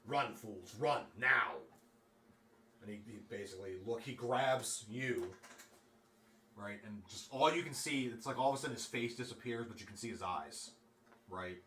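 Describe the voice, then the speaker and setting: A man's voice: on the low side, moderate pace, far from the mic, slight background noise. A man narrating a tabletop game as dungeon master in a loose, filler-heavy way, recorded off-mic in a roomy space with faint ambience. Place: room at a streamed game table.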